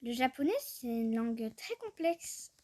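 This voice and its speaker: A young woman chatting casually as a vlogger, trailing off often, giggling, and sounding out foreign words haltingly. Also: on the high side, expressive, mellow. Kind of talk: casual screen-recorded chat.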